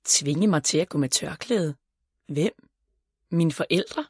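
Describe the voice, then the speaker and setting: A woman voicing a stubborn, touchy young schoolgirl who talks in a high, whiny, emphatic way. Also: expressive, no echo, clean studio sound, close to an everyday voice. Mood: puzzled.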